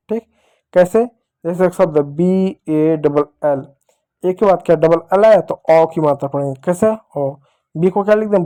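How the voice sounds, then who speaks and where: Male phonics teacher, soft dark tone, repetitive drill style. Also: fairly high pitch. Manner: repetitive question-and-answer explaining, addresses pupils as dear children. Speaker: English teacher. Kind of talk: classroom-style phonics lesson.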